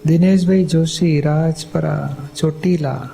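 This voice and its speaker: A man's voice: on the high side, fairly even intonation, slow pace, creaky, dark tone, slight background noise. A man, a spiritual teacher, patiently explaining in a question-and-answer talk, often checking that he is understood.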